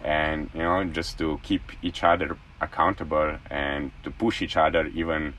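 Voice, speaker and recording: A young man in his twenties, a former college athlete, talks in a very low, deep voice. He rambles on enthusiastically in a casual interview chat. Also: little pitch movement, normal speed, a bit bright, slight background noise.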